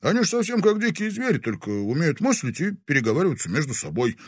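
A man's voice: a little high, sing-song, fast, breathy edge, no echo, clean studio sound, pitched above the performer's own voice. A man voicing a blunt young male policeman in an audiobook, with an indignant manner.

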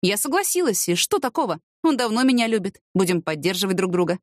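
A woman's voice: mid-range voice, animated, quick pace, no echo, studio quality, close to an everyday voice. A woman voicing a tired, defensive young woman with a headache, in a storybook reading. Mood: weary.

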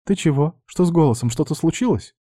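A man's voice: fairly high pitch, expressive, brisk, warm tone, no echo, clean studio sound, pitched above the performer's own voice. A man voicing a cheerful young woman, a playful older sister on the phone, in an audiobook reading. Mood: sweet.

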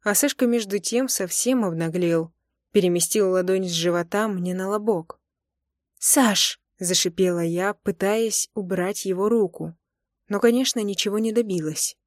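A woman narrating a first-person romance audiobook with an intimate, expressive reading. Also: medium pitch, moderate pace, no room sound, studio quality.

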